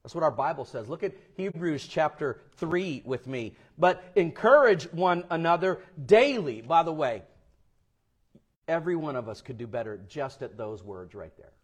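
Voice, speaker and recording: Preacher guy from florida, kinda high voice, goes big and loud then drops real quiet. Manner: dynamic preaching, rising loud then dropping low and quiet. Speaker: pastor. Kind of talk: sermon. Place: church.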